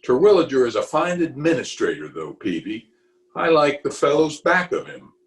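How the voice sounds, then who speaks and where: In an old-time radio comedy recorded at home over a video call, a man plays a pompous, blustery middle-aged water commissioner who is opinionated and easily exasperated, here in a badgering mood. His mid-range voice is very animated at normal speed, with a roomy sound.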